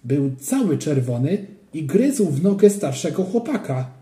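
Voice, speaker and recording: A man reading a children's story aloud in an expressive narrating style. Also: on the high side, a little slow. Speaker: audiobook reader. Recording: roomy echo.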